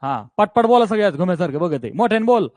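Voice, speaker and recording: Male physics teacher, high voice, energetic and coaxing with his class, dry sound. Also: quick pace, dry recording. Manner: energetic, coaxing, keeps checking students understand. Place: classroom with students.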